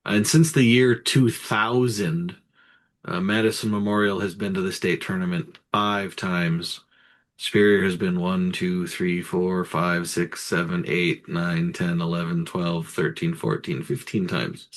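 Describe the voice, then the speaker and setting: A man's voice: deep voice, fairly even intonation, a little slow. A man runs through sports records and figures. He sounds matter-of-fact, listing details one by one in casual commentary. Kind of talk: casual sports talk with statistics.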